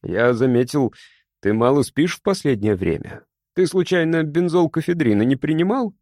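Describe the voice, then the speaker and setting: A man voicing a calm, suspicious companion who speaks in a measured way. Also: on the high side, no room sound, clean studio sound, pitched above the performer's own voice, close to an everyday voice. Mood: wary.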